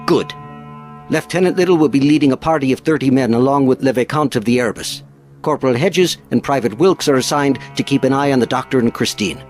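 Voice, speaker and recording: Man doing tired but firm navy captain, formal, bossy authority, medium pitch, radio play with soft music. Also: a little fast, close to an everyday voice. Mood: commanding. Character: weary, firm male ship's captain commanding an expedition. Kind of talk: audio drama acting.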